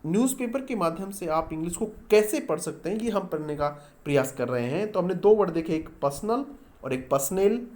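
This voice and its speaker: A man's voice: high-pitched, lively intonation, a little fast, warm tone. A man teaching an English grammar lesson, spelling words letter by letter and answering his own questions. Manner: addresses students as "beta". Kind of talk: classroom-style grammar lesson.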